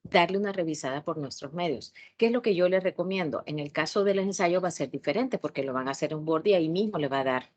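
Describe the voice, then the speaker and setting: A woman with a Salvadoran accent gives an online tutorial lecture with a low voice. She talks in a strict, instructive way and often pauses on hesitation fillers while she explains. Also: a little mellow, lo-fi sound. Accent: Salvadoran Spanish. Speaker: university math education tutor.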